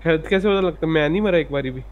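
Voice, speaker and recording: A man's voice: a little high, racing, muffled recording. Man teammate tossing short game prompts. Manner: short shouted prompts and questions. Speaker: co-player. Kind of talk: casual gameplay chatter.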